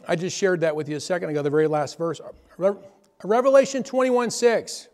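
High-voiced preacher in a reverberant hall. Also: male voice, fairly quick. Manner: preachy, asks the crowd "amen?" and "right?". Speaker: pastor. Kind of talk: sermon. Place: church hall.

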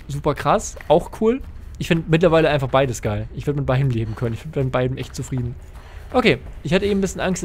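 A young man giving casual, excitable gameplay commentary, thinking aloud and swearing often. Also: on the high side, vocal fry, a little hiss or hum. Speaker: let's player.

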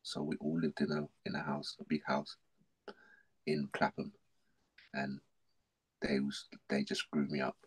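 His pitch is extremely low with a breathy edge, and he talks a little slowly, pausing often. A middle-aged South London man with a matching accent, he tells his life story as a podcast guest, animated, slangy and repetitive.

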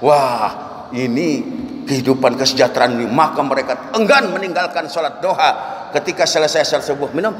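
A man preaching a dawn lecture in a mosque, telling stories with lively swings and chanting verses. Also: a little high, fast talker. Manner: animated storytelling with chanted Quran verses. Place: mosque hall. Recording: echoey hall, faint room noise.

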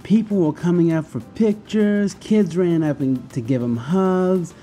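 Chatty young guy talking from inside a costume head, muffled and really mellow sounding. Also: high voice, a little slow, faint music behind. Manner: upbeat, chatty. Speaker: furry vlogger. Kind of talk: casual storytelling vlog.

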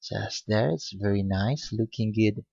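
Gravelly low-voiced man teaching painting. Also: mellow, no room sound. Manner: unhurried, hesitant with frequent fillers. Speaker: painting instructor. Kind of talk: step-by-step painting tutorial. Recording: dull lo-fi recording.

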